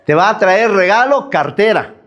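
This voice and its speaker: A man's voice: sits high, lively intonation, normal speed, a bit bright, muffled recording. A man preaching a sermon as pastor, full of rhetorical questions.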